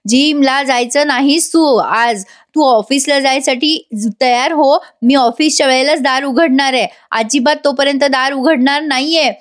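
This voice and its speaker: Woman doing a young wife, headstrong, teasing, insistent, caring, fairly high voice. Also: unhurried, few pauses.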